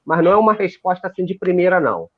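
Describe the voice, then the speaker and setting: Animated man lecturing over tinny audio. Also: high-pitched, very fast. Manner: animated, lecturing, with frequent restarts. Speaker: educator of deaf students. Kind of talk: explanatory talk in a live video call. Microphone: video call. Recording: tinny phone-like live stream audio.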